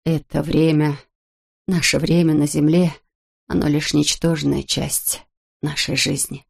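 A woman voicing a gravely ill, gentle wife who speaks slowly and softly, short of breath. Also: low-pitched, fairly even intonation, exaggerated voice. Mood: gentle, weak. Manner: soft, breathy, slow.

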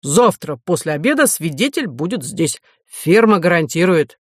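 A woman doing a smooth, polite young swindler. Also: on the low side, sing-song, normal speed, no room sound, studio quality. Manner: courteous and self-assured.

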